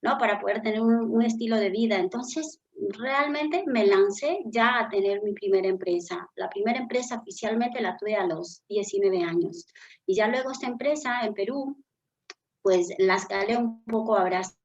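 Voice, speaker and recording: In a muffled recording, a Peruvian business consultant in middle age talks at a moderate pace in a medium-pitched voice with a Peruvian Spanish accent. As a guest in an interview conversation, she recounts her story in an earnest, reflective manner, often using fillers.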